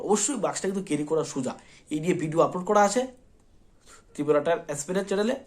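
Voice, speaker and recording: Fast-talking high-voiced male teacher. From Tripura, India. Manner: repetitive, reassuring, checks in often with "thik ache". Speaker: exam coaching teacher. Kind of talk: spoken exam-prep lesson.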